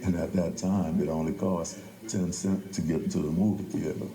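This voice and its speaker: An older playwright from New Orleans, Louisiana, tells his story conversationally in an interview. His voice sits low with a steady tone at a moderate pace, recorded in an echoey room with crowd murmur.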